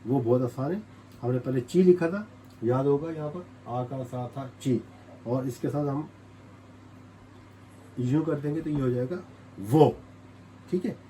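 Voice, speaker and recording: A man's voice: medium pitch, a little slow, pauses often, warm tone, slight background noise, low-quality recording. A man from Pakistan with a Pakistani Urdu accent, teaching a step-by-step writing lesson and patiently repeating each sound as he writes. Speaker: language teacher.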